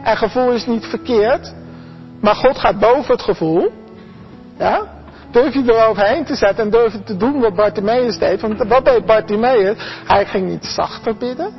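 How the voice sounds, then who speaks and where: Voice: medium pitch, moderate pace, long reverb tail. Earnest preacher, slightly dull recording. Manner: earnest, addresses the congregation directly, acts out quoted voices; repeats and restarts words. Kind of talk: sermon. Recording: slightly dull recording with faint music behind.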